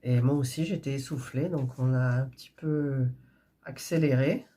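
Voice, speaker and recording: A woman's voice: rumbling low, moderate pace, dark tone. A woman with a stuffy nose, chatting in a rambling, casual way while preparing embroidery threads. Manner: chatty, rambling, with frequent fillers and restarts. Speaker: cross-stitch crafter vlogger.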